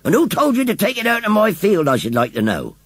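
A man's voice: a little high, sing-song, a little fast, vocal fry, fairly bright tone, husky, no echo, voice pushed up, exaggerated voice. A man doing a roaring, blustering farmer. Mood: angry. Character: gruff angry male farmer.

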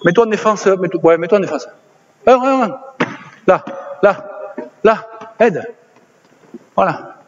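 A man coaching basketball players on court, directing drills with quick commands and encouragement. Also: high voice. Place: indoor basketball gym. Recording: slightly dull lo-fi sound with faint noise.

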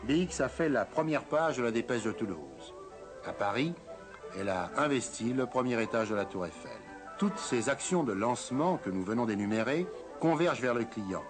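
A man reading scripted narration for a corporate film in a measured, formal way. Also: medium pitch, lively intonation. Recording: narration over loud music.

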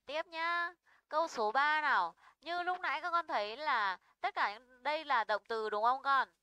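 A woman's voice: sits high, normal speed, pushed and bright, no room sound, rough recording. A young woman teaching an English pronunciation lesson. She is patient and often checks in with her students.

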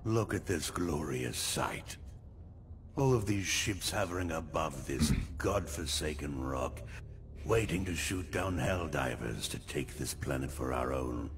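Man doing a very deep grandiose space villain. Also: lively intonation, a little hiss or hum, exaggerated voice. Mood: gloating. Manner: pompous, deliberate. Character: grandiose male villainous space commander surveying his fleet. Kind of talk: improvised video game role-play.

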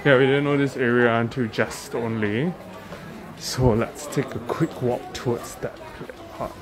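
A man talks his way through a walking tour in an easy, unhurried manner. He sounds chatty and upbeat and speaks into a phone while walking. Loud background music runs under his voice. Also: medium pitch, steady tone. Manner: slow, chatty, upbeat guide. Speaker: vlog host. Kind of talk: casual walking tour commentary. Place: large indoor and outdoor garden complex at night. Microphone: handheld phone camera while walking.

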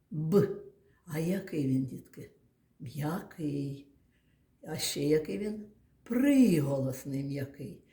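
A woman teacher leads small children through a lesson with a Ukrainian accent. She speaks very slowly and draws out her words in a patient, sing-song way. The classroom echoes around her voice. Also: on the low side, warm tone. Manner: slow, patient, drawn-out sing-song speech, answers her own questions. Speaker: kindergarten teacher. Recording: echoey room.

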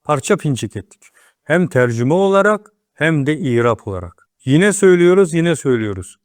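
A man's voice: medium pitch, lively intonation, brisk, no room sound, studio quality. A man teaching an Arabic grammar lesson, asking questions and then answering them himself.

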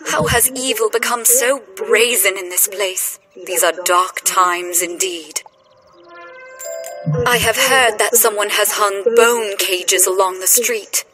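A woman playing a gentle, earnest fairy guardian in scripted fantasy game dialogue, speaking formally and with measured care. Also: on the high side, lightly acted. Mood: worried, pleading. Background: game music.

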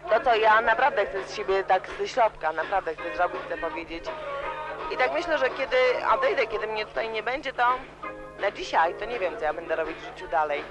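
On dull, lo-fi old cassette tape, a woman in her twenties is interviewed for student radio at a party in a student club, with loud music behind her. Her mid-range voice is expressive and fairly quick as she rambles emotionally, constantly saying "you know".

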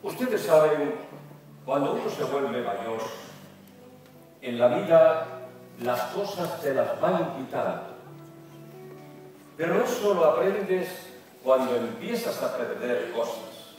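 A man's fairly high voice rings through a big auditorium, picked up from a distance. He delivers a political speech like an epic narrator, slow and solemn, with dramatic pauses. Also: expressive, darkish tone. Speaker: speaker at a political rally. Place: large dark auditorium with a seated audience. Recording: echoey hall from far off, music behind. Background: music.

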